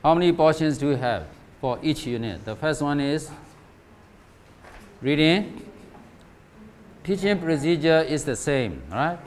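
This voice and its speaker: A man's voice: on the high side, expressive, unhurried, pauses often. A man from Myanmar giving a teacher training lecture, asking rhetorical questions and checking in with "right?" and "okay?" after nearly every point. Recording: faint background noise.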